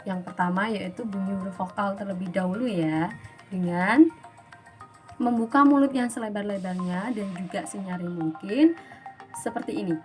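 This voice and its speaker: A woman teacher giving an instructional lesson to her students, explaining step by step and asking rhetorical questions. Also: medium pitch.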